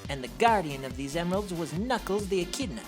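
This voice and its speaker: Woman as young male hedgehog hero, cartoon narration, lowish voice, cocky, wry asides, loud backing music. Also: lively intonation, fast, natural voice. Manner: casual, wry storytelling asides. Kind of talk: scripted comic dub narration.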